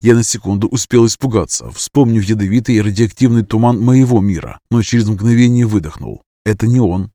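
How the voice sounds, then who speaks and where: A man's voice: lowish voice, brisk, hardly any pauses, mellow, no room sound. Man reading a first-person story, bone-dry. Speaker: audiobook narrator. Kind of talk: first-person fiction narration.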